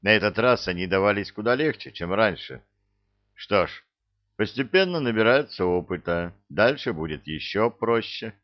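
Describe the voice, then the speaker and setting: A man reading a fantasy novel aloud in steady, measured scripted narration. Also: lowish voice, muffled recording. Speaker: audiobook narrator.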